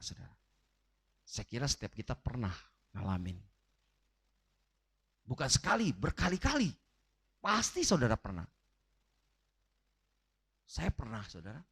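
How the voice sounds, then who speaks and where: A man preaching a sermon with an emphatic, rising and falling delivery, often turning directly to his congregation. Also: medium pitch. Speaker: pastor. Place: church livestream.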